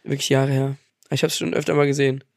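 A man's voice: medium pitch, level tone, quick pace, creaky, no room sound, clean studio sound. A young man co-hosting a podcast in casual chat, laid-back and agreeable, telling stories with slang. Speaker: podcast co-host.

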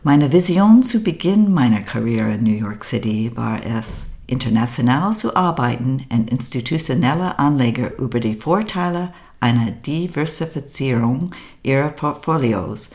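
A podcast host, an older American woman who speaks English as her first language, reads a prepared monologue. Her very deep voice is slow and deliberate, with a clear accent and an even, measured delivery.

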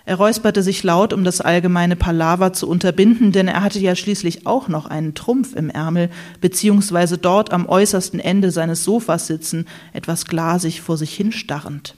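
A dry, ironic reader giving scripted narration of a satirical novel. The delivery is even and measured in the narrative stretches. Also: mid-range voice. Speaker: audiobook reader.

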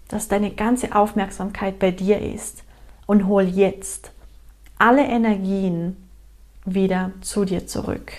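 A woman with a medium-pitched voice acts as a meditation guide. She speaks straight to the listener, giving gentle instructions. Her phrases often repeat as invitations.

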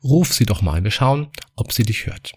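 Man playing a calm, patient doctor. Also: lowish voice, moderate pace, breathy edge, no room sound, studio quality. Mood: coaxing. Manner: soothing, coaxing.

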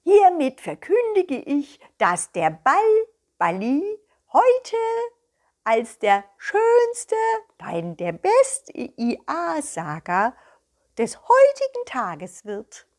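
A woman's voice: high voice, huge pitch swings, pitched above the performer's own voice, exaggerated voice. A woman voicing a friendly talking nettle plant in a children's story, stumbling and repeating words as it explains itself. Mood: proud announcing. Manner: halting, repeats words, giggly.

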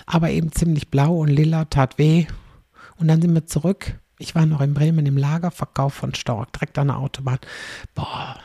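A woman's voice: low voice, steady tone, normal speed, mellow, slightly rough, dry recording, studio quality. A middle-aged woman comedian chatting in a rambling, storytelling way, always checking in with the listener. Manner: chatty, rambling, tag questions "ne?". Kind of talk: casual storytelling monologue.

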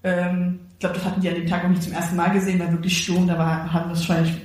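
A woman's voice: fairly low pitch, very fast. A woman co-hosting a podcast, telling a story casually and acting out the quoted lines of other people. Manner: lively storyteller who acts out quoted dialogue. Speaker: podcast co-host. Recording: very echoey room.

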